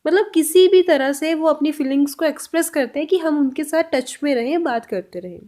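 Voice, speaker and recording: A woman teaching language phrases, saying each example slowly and clearly twice. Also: sits high, a little mellow.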